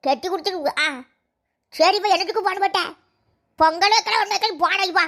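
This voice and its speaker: A woman voicing a sharp-tongued old village mother in a cartoon, speaking in a scolding, sarcastic way. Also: extremely high pitch, moderate pace.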